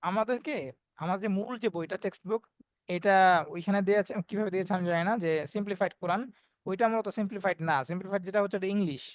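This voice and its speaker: A man's voice: high voice, steady tone, quick pace, no echo. A man teaching Quran recitation in an online class, explaining step by step and voicing the letter sounds as examples.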